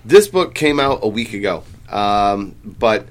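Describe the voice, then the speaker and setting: Man, lowish voice, podcast host, loose and rambling, full of ums, casual cursing. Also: sing-song, a little slow. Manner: rambling, filler-heavy, swears casually. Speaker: comic book podcast host.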